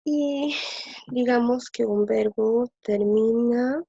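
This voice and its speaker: Slow, husky woman teaching a lesson. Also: a little high, warm tone, dry recording. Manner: patient, repeats words slowly to drill pronunciation. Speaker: language teacher. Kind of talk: slow explanatory lesson, thinking aloud. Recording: dull lo-fi dry recording.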